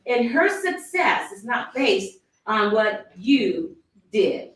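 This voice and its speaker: Woman, team leader, animated motivational talk; fairly high voice, roomy and distant sound. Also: slow. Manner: animated, acts out quoted thoughts, laughs often.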